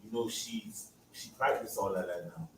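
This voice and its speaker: A man speaks up from the class with a hesitant story, restarting his sentences. His voice sits at a middle pitch. He is far from the mic in an echoey room with faint hum. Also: normal speed. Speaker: class member. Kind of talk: telling a personal story in class.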